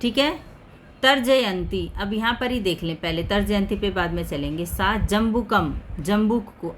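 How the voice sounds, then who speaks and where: A woman's voice: a little high, fairly bright tone, slight background noise. A woman Sanskrit teacher explaining a text word by word, repeating each term and asking and answering her own questions.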